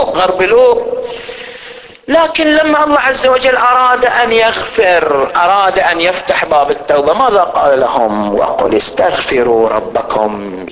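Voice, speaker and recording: A man delivers a sermon in a strikingly high voice. His tone is bright and forceful, and he shifts from rising, insistent appeals to slow, hushed recitation of scripture. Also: rough recording. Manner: swings between loud rising exhortation and low slow Quran recitation. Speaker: preacher.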